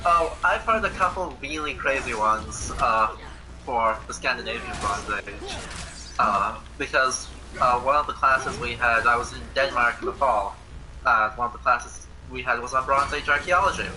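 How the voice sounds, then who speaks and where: A young man chatting casually over a tinny phone line, relaxed and hesitant with frequent fillers. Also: medium pitch, normal speed, noisy background. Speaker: guest mythology expert. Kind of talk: casual chat on a live game stream. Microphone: phone call.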